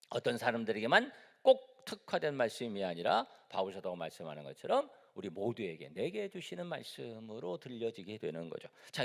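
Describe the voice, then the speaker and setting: A middle-aged male pastor from Seoul preaches to his congregation, talking with them and asking them questions. His pitch rises and falls a great deal, with a gravelly edge. The sound has a long echo from a church hall. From Seoul, South Korea. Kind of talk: sermon. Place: church sanctuary.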